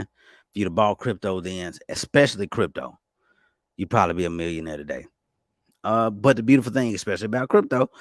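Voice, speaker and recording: A man giving casual, fast-talking commentary on stocks and crypto, excitable and stumbling over restarts. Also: on the low side, dry recording, studio quality. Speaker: finance YouTuber.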